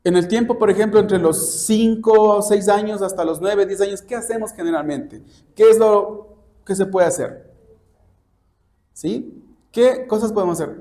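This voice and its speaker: Speaking at a moderate pace in a high, warm voice, this man preaches an expository sermon in lesson form. He's a church preacher and Bible teacher whose first language is Spanish, and his didactic style includes regular questions to confirm understanding.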